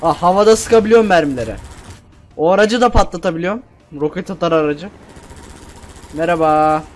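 Excitable young man with a high voice. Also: fast, faint music behind. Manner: excitable, self-mocking, repeats words when panicked. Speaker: gameplay streamer. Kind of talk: casual let's-play commentary.

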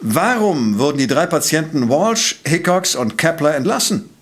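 An actor playing a coolly precise professor-detective in a radio play, questioning in a formal, probing way. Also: male voice, fairly high pitch, very animated, normal speed, a bit bright. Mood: insistent. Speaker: voice actor in audio drama.

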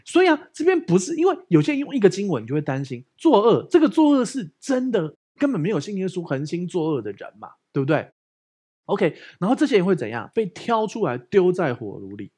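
Animated husky Taiwanese Mandarin pastor. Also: male voice, high-pitched, a little fast. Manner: animated, joking, asks the congregation for agreement. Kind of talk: lively conversational sermon.

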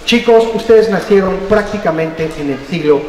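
A man's voice: sits high, normal speed, darkish tone. An older man with a Mexican accent, giving a playful, joking talk to trainee teachers at a school. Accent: Mexican Spanish. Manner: playful, jokes with the audience, acts out voices. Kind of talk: lively talk with audience. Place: school auditorium. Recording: roomy hall, distant mic, faint noise.

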